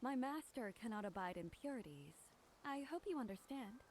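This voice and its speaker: A woman's voice: a little high, expressive, moderate pace, darkish tone, a little hiss or hum, lightly acted. An actress playing a polite, deferential female servant in a martial arts game, formal and courteous. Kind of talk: scripted game voice acting.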